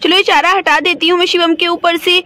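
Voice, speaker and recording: A woman's voice: very high voice, steady tone, a little fast, bright, forceful tone, dry recording. A woman voicing a busy village mother in a doll story who scolds her son. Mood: scolding. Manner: bossy, scolding.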